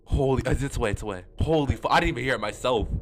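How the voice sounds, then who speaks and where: A man's voice: medium pitch, very fast. A scared young man doing casual horror game commentary with a friend, jumpy and swearing, prone to screaming. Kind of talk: casual gaming commentary with a co-player. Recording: noisy gaming mic with clicks.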